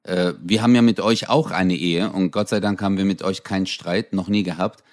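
A man's voice: low-pitched, fairly even intonation, fairly quick. A man co-hosting a comedy podcast in a loose, casual chat full of slang and fillers. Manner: laid-back, lots of fillers and slang. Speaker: podcast co-host.

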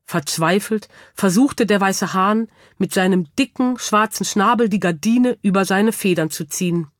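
A woman narrating a children's audiobook with lively, expressive storytelling. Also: mid-range voice, moderate pace, no echo, clean studio sound.

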